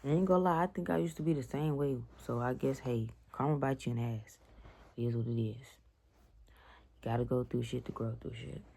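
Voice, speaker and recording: A woman's voice: extremely low pitch, steady tone, normal speed, vocal fry, mellow. A young woman telling a story to her viewers in a blunt, slangy, profane rant. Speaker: vlogger. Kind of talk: casual storytime vlog.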